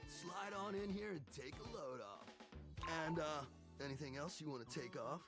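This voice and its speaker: Man voicing a flirty, excitable himbo jock, high-pitched. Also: moderate pace, over music, natural voice. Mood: flirty, teasing. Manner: flirty banter, cheesy surfer-bro slang. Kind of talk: video game character acting.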